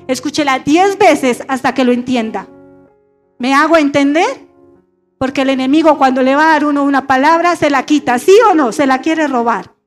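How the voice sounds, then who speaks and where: High-voiced woman pastor preaching. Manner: call-and-response preaching, asking the congregation to repeat. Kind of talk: sermon. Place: church sanctuary.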